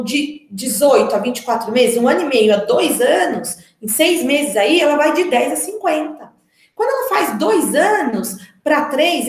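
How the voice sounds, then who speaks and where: A Brazilian woman speech therapist giving a live talk to parents, explaining expressively and asking rhetorical questions. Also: high voice. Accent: Brazilian Portuguese. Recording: roomy echo.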